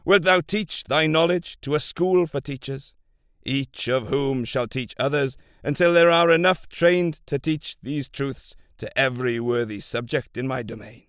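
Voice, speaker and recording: A man voicing a commanding ancient king who speaks in a formal, regal way, louder and a little higher than his narration. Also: a little slow, clear, resonant tone, dry recording, studio quality. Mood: eager. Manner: demanding, regal.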